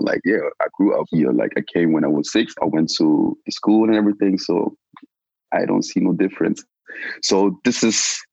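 Low-voiced Ghanaian-born man, slangy and relaxed. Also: vocal fry, no room sound, dull audio. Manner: relaxed, slangy, many "like" and "yo" fillers. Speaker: protest organizer. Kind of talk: casual interview answers.

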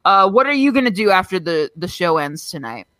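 A woman's voice: on the low side, very animated, brisk, fairly bright tone, no room sound, low-quality recording. A woman in her thirties hosting a crude comedy podcast, bawdy and self-mocking, giggling often. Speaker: podcast host.

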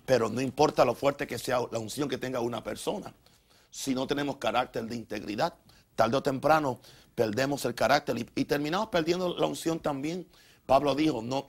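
Male pastor, middle voice, conversational sermon with lots of restarts. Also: medium pitch. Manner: conversational, with frequent stammered repeats and fillers. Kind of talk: teaching sermon.

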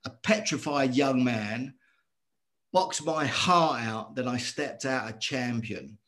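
A middle-aged man, a former boxer telling his story as a guest in earnest, animated talk that circles back on itself. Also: mid-range voice, slow. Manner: earnest, animated, repeats himself. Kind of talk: conversational storytelling.

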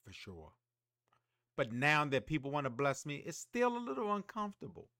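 A man's voice: fairly high pitch, huge pitch swings, moderate pace, pushed and bright, no echo, clean studio sound. A man hosting a motivational podcast, preaching emphatically and calling on listeners to repeat after him. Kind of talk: motivational monologue.

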